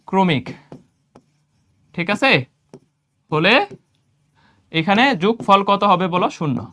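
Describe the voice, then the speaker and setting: Young man, math teacher, clear resonant voice, high pitch, quizzing students, slightly tired, low energy. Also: fairly bright tone. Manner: quizzing students with quick rhetorical questions; mixes in English math terms. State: tired and a little low on energy after a run. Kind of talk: exam-prep math lesson.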